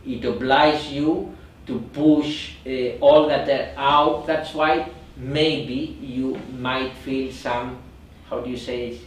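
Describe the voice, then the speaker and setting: Slow-speaking male meditation teacher in an echoey room. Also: mid-range voice, steady tone, slight background noise. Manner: slow, repetitive, searching for words. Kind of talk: guided meditation instruction. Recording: echoey room, mic far off.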